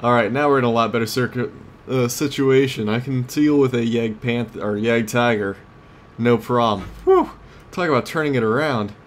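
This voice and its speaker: At normal speed and medium pitch, a man who runs a let's play series comments casually on a tank game, voicing short tactical thoughts as he plays. The game's vehicle and battle noise is clearly heard in the background.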